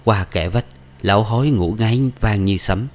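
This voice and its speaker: A man narrating a novel as an audiobook reader, in a steady, even storytelling manner. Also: lowish voice, normal speed.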